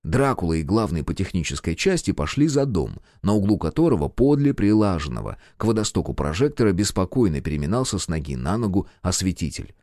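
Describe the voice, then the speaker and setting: A man narrating an audiobook in an expressive storytelling manner. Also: low-pitched, brisk, few pauses, dry recording, studio quality.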